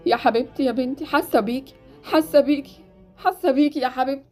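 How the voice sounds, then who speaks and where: A soft-spoken Egyptian mother, voiced by a woman dropping her pitch, tender and soothing toward her grown daughter. She talks at a quick clip, with faint music behind her in this home-made drama. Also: close to an everyday voice. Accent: Egyptian Arabic. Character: gentle older mother comforting her daughter.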